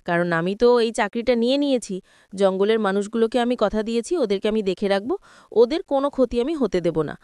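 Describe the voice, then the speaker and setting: A woman's voice: a little high, expressive, brisk, mellow, clear, resonant tone, no room sound, studio quality, natural voice. A woman voicing a spirited, dutiful young woman in a storybook retelling of a TV serial, teasing and affectionate in her talk. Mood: determined.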